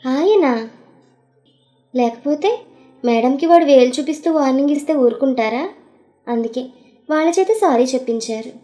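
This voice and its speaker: Brief: a woman doing a prying office friend, high mellow voice, light music under. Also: expressive, moderate pace, long pauses. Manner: probing, needling. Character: young man, nosy office friend.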